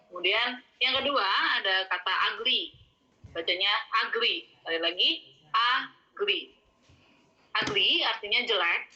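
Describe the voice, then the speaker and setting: A woman giving a casual spoken vocabulary lesson, explaining each word patiently and repeating it slowly, sometimes correcting herself. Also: medium pitch, bright, forceful tone. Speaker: English vocabulary teacher. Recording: dull lo-fi sound.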